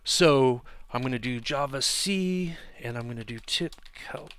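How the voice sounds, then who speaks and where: A man walks through a coding tutorial in a relaxed, thinking-aloud way, with ums and small restarts as he types. His voice is bright and crisp, close to the mic in a dry, dead room. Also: medium pitch, measured pace, no room sound. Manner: relaxed, thinking aloud with fillers while typing. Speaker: programming instructor. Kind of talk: casual screencast coding tutorial.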